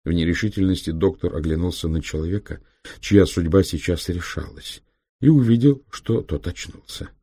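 A male audiobook narrator with a very low, husky voice reads in a measured, steady way. The sound is dry and close to the mic. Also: no echo. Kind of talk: scripted narration.

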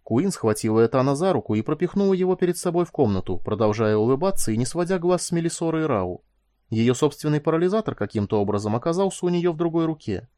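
A man reading an audiobook aloud, calm in narration and livelier in dialogue. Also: fast talker, no echo, clean studio sound. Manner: raises pitch and volume for dialogue, calm in narration. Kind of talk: scripted narration voicing all characters.

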